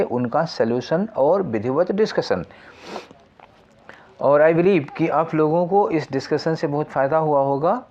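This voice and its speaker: Man, exam prep teacher, slightly high voice, question-and-answer explaining, dull lo-fi sound. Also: darkish tone. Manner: explains step by step, asking and answering own questions.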